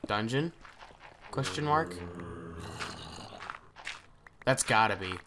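A man's voice: mid-range voice, lively intonation, slow, noisy background. A man hosting a gaming video, chatting casually and thinking aloud as he plays, often trailing off into mutters. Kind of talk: let's play commentary.

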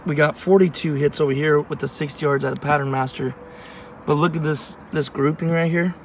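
A man in his thirties talks through his results in a plain, matter-of-fact way, his voice sitting a little high. He stands on an open-air range with the camera set back from him, and faint outdoor noise runs underneath. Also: steady tone, a little fast. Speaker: channel host. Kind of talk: casual outdoor gear review. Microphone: camera mic at a distance.

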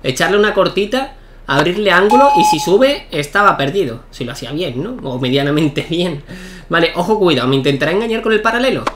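A young man giving excitable live commentary while playing a tennis video game, shouting at key points. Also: sits high, fairly quick, background noise. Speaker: gaming YouTuber.

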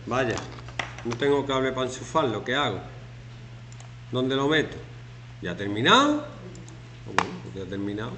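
In an echoey classroom with faint noise in the background, a teacher in his fifties talks with his students in a casual, joking way during a class activity. His voice is mid-range at a normal speed, broken by long pauses, and he stays chatty and lively, acting out examples of shouting.

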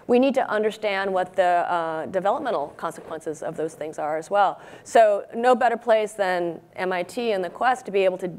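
A woman's voice: medium pitch, normal speed, few pauses, darkish tone. Woman explaining fluently on a panel. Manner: expansive, fluent explaining with many "you know"s. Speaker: panelist, robotics researcher. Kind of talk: conference panel discussion. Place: conference stage.

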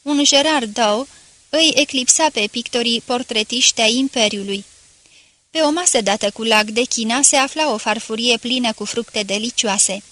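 Woman narrator, audiobook, bright, slightly high voice, measured literary reading. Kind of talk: scripted narration.

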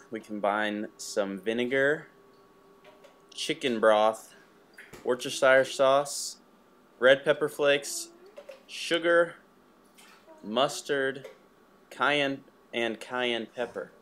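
A man's voice: mid-range voice, slow, long pauses. A young man casually talking viewers through a recipe in his home kitchen. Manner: relaxed, talks viewers through steps. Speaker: cooking vlog host.

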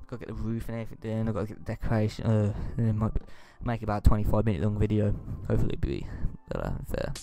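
A man's voice: on the low side, lively intonation, racing, creaky, hardly any pauses, dark tone. A man with a blocked nose and sore throat, rambling apologetically in casual gameplay commentary as a gaming YouTuber, recorded at home. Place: home room.

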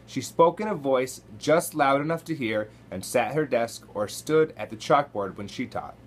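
A man, a coach, reading a children's chapter book aloud to students with expressive storytelling. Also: mid-range voice, normal speed.

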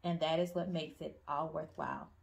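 Woman er doctor doing calm storytime, low gravelly voice. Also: moderate pace. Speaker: emergency room physician. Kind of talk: storytime narration.

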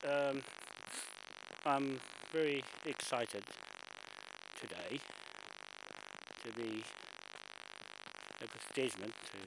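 Slow, breathless older man outdoors. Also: mid-range voice. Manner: rambling, chatty, with frequent throat clearing. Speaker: vlogger filming a walk. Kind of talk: casual walking commentary. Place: outdoors on a bush stairway. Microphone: handheld camera mic. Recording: loud hissy camcorder audio.

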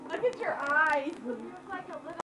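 A woman's voice: high-pitched, normal speed, very noisy. A woman chatting and teasing family members in a home kitchen, recorded on a home camcorder. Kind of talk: casual home video chat.

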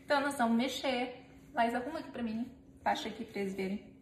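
A woman in her thirties, a home cooking vlogger, demonstrates a recipe in her own kitchen, bantering playfully with viewers and her helper as she goes. Her voice sits fairly high and she talks fast. The kitchen echoes, and background noise comes through clearly.

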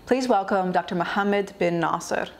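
A woman's voice: medium pitch, normal speed. Upbeat woman hosting an interview. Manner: upbeat, chatty. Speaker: host, interviewer. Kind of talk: video intro and interview. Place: indoor room.

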